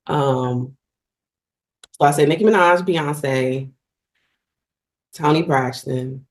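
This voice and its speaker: A middle-aged woman, a singer, talking as a guest in a casual interview, animated and effusive, often restarting her sentences. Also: a bass voice, takes it slowly.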